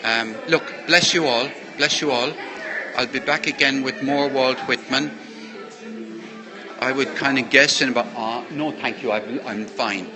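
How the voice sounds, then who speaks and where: Streaming live by phone from a busy café, this man hosts poetry and talks casually to his viewers, wandering from point to point and offering plenty of thanks. His pitch is medium and his pace measured, picked up by a handheld earbud microphone. Other people's chatter fills the background, and the audio quality is poor.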